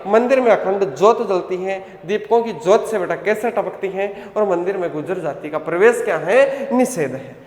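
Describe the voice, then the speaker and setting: A man's voice: high-pitched, animated, moderate pace, few pauses, a little mellow. A male teacher giving an online coaching lecture, drilling his students with repeated questions and answers and calling them "beta". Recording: echoey hall sound.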